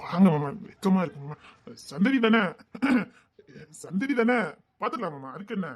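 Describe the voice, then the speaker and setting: A man's voice: big pitch swings, normal speed. A man with a Tirunelveli Tamil accent performing a comic family sketch, trading teasing banter between relatives. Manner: teasing banter, jumping between high and hushed lines.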